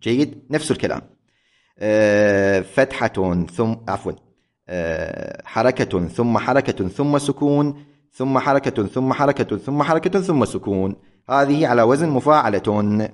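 A man giving a lecture on poetic metre, slowly chanting syllables and metre patterns and often correcting himself. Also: medium pitch, expressive. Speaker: teacher.

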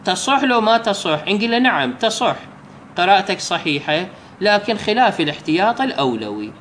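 A man with an Iraqi Arabic accent giving a religious lesson, explaining step by step and slowly reciting example phrases. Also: high voice, very animated, fairly bright tone, slight background noise. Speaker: religious teacher.

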